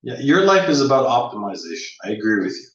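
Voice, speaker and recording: A man's voice: medium pitch, sing-song, fast talker. A man in casual conversation, musing with a wry, teasing manner and many restarts. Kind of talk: casual reflective chat. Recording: roomy, slightly dull audio.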